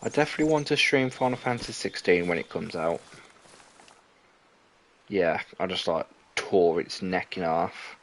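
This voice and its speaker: Low-voiced young male streamer, casual rambling game commentary. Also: normal speed, slight background noise. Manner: rambling, chatty, self-correcting. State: out of breath.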